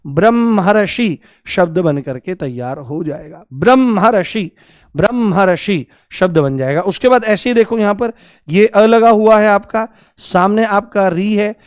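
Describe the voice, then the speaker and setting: A young man leads a grammar lesson in a high, clear voice, firing rhetorical questions at his class and stretching each answer out in a sing-song way. The sound is dry and close. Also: animated, dry recording. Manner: repeats key answers in a drawn-out, sing-song way. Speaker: Hindi grammar teacher. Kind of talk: classroom lecture.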